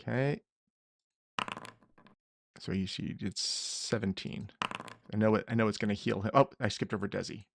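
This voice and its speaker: A man's voice: fairly low pitch, creaky, no room sound. Dry-sounding male game master. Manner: deliberate rulings, self-correcting. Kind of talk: running a tabletop game.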